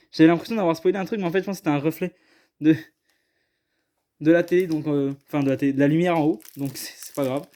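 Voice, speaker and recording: A man on the high side, warm-toned and fairly even in intonation, talks at a quick pace with frequent pauses. While opening trading card boxes on camera he chats casually, hesitating, apologizing and running himself down.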